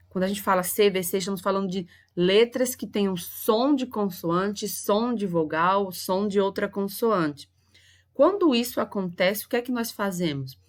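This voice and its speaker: A woman English teacher, a Portuguese speaker, explaining a grammar lesson patiently and going over each point again. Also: mid-range voice. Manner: patient, repeats and spells out points.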